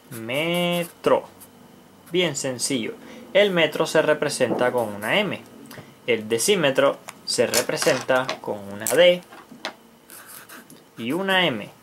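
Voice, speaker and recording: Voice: mid-range voice, background noise. A teacher giving a math lesson to young children, patiently repeating key words and counting aloud while writing.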